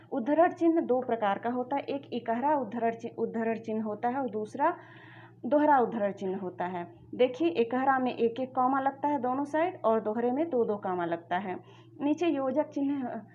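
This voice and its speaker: Grammar teacher, woman, higher pitch, patient step-by-step explainer, slightly muffled lo-fi recording. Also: darkish tone, a little hiss or hum. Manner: addresses students directly, explains step by step. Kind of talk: explanatory lesson.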